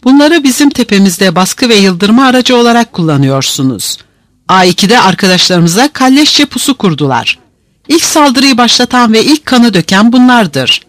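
A man's voice: extremely high pitch, very animated, normal speed, a bit bright, no room sound, pitched above the performer's own voice, full character voice. A man voicing a defiant leftist prisoner who declaims his protest in an audiobook reading.

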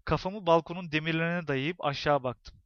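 Expressive man narrating an audiobook. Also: a little high, normal speed, no room sound, dull audio. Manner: expressive, tense storytelling.

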